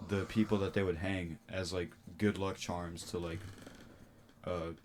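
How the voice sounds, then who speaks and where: A man's voice: low voice, flat delivery, measured pace, darkish tone, slight background noise. A man co-hosting a casual podcast, joking in slangy banter and laughing often. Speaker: podcast co-host. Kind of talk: casual chat.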